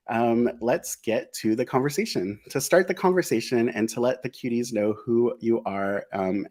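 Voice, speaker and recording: A man hosting a live stream in an upbeat, effusive way. His voice sits at a middling pitch, and he sprinkles his talk with ums and uhs as he thanks partners and welcomes his guest. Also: darkish tone. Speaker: host.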